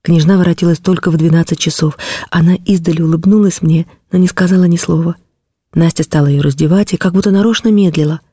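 A woman narrating a classic novel as an audiobook in a measured, expressive literary reading. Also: on the low side, husky, no echo, clean studio sound.

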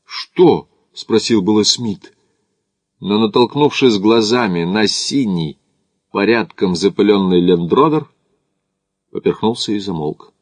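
Male audiobook narrator, low and dry. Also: a little slow, dry recording. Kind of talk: scripted narration.

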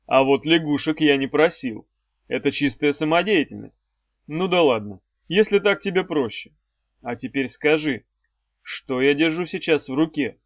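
A man's voice: a little high, expressive, normal speed, dry recording. A man voicing a stern, sardonic demon swordsman mentor who gives commands and mocks with dry threats, in a dry, slightly dull recording. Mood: commanding.

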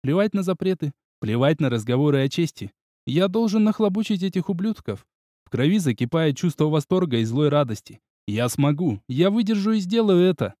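A man reading first-person fantasy narration in a brisk, wry manner. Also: a little high, sing-song, dark tone, no echo, clean studio sound. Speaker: audiobook narrator.

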